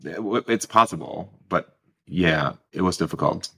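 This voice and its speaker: Deep-voiced German-accented man. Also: moderate pace, gravelly, fairly bright tone, breathy edge. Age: 30s. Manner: reflective, with frequent restarts. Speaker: guest. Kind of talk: casual interview talk.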